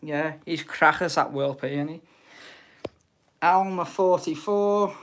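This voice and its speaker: A British woman with a low, unhurried voice hosts an online bingo game. She chats casually, calling out players and numbers with cheeky, informal banter.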